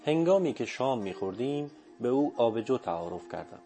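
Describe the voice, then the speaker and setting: Male narrator with a dark, warm tone and reflective delivery, faint music underneath. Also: mid-range voice, sing-song. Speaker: audiobook narrator. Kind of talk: scripted first-person narration.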